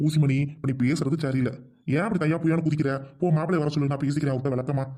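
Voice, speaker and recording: A woman voicing a bossy middle-aged village man who gives gruff orders and makes threats. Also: low voice, fairly even intonation, racing, dark tone, voice pushed down, close to an everyday voice. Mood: firm.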